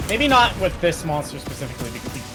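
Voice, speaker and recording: A man with a somewhat high voice jokes and giggles through a co-op game with friends. Game music plays clearly in the background. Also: very animated, quick pace. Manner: playful, joking and giggling. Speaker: co-op player. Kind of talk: casual gaming chat.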